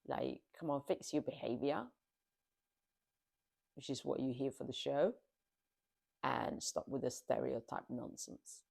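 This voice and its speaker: Low-voiced woman ranting over reality TV. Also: a little slow, gravelly, pauses often, husky. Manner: exasperated, scolding, animated. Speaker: reality TV commentator. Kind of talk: casual reaction commentary.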